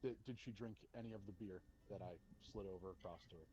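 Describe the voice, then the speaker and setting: A man playing a tabletop role-playing game, talking haltingly with lots of fillers and restarts. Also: on the low side, steady tone, warm tone, dull audio, a little hiss or hum. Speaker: player.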